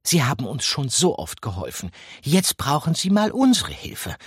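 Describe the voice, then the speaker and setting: A man's voice: medium pitch, huge pitch swings, normal speed, breathy edge, dry recording, studio quality, voice pushed up, heavily acted. A man voicing a kind, encouraging female mouse in an audiobook. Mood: coaxing.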